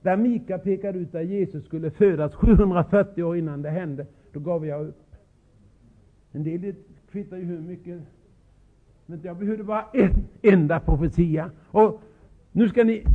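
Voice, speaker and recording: An older man preaches with fervent emotion, his fairly high voice leaping to loud cries and dropping to hushed asides. The sound is thin and tinny, like an old narrow-band recording. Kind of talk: revival sermon.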